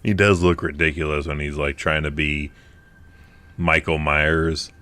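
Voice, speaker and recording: A man's voice: extremely low pitch, flat delivery, unhurried, bright, forceful tone. A man co-hosting a podcast, chatting casually about a horror film and acting out characters' lines in mocking voices. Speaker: podcast co-host.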